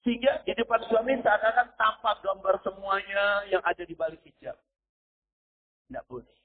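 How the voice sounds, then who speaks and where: A man's voice: high-pitched, brisk. A male preacher giving a sermon, stressing points with a repeated "ya" and quoting Arabic verses. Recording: tinny phone-like recording.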